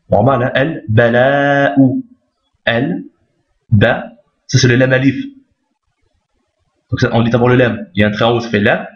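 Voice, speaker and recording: Patient male teacher in a roomy recording. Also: mid-range voice. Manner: patient and repetitive, checks understanding often. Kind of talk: recorded Arabic alphabet lesson. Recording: roomy, dull lo-fi sound.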